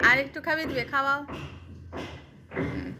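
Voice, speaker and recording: Woman vlogger, high voice, sing-song coaxing tone, noisy home phone recording. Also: steady tone, moderate pace. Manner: coaxing, sing-song talk to a small child. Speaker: vlogger filming her child. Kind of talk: playful questioning of a child.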